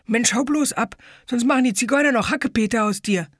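A woman's voice: a little high, brisk, dry recording, studio quality, pitched above the performer's own voice, natural voice. A woman voicing a fat, boastful boy who jeers smugly but is a coward. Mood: jeering. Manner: smug, then cowering.

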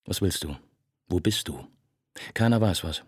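A man's voice: sits low, animated, measured pace, a little mellow, husky, no room sound, clean studio sound, heavily acted. A man reading a blunt, impatient detective. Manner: terse, blunt questions. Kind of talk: audiobook dialogue.

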